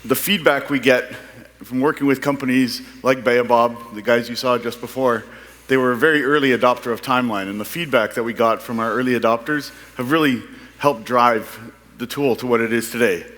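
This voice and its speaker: In a large indoor conference hall, a male product manager gives a product presentation at normal speed, his medium-pitched voice fairly bright. The hall is echoey, with long reverb.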